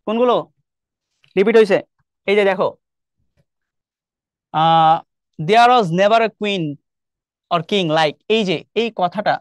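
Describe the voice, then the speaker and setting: A man's voice: high voice, dry recording, studio quality. A young man with a Bangladeshi Bengali accent teaching an online English class, explaining step by step and quizzing his students often. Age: young adult.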